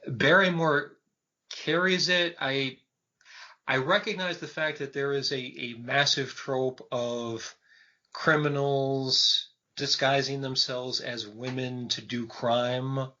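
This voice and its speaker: A man in his fifties co-hosting a film podcast, talking in a measured, thoughtful way with frequent pauses. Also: medium pitch, steady tone, sharp tone. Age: 50s. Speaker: podcast host. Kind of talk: casual film discussion. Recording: dull lo-fi podcast audio.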